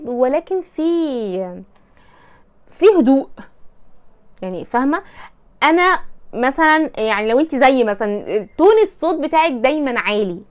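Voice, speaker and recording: A woman with an Egyptian accent giving casual advice, chatty and slipping into playful mock voices to act out little scenes. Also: high-pitched. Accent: Egyptian Arabic. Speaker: advice presenter.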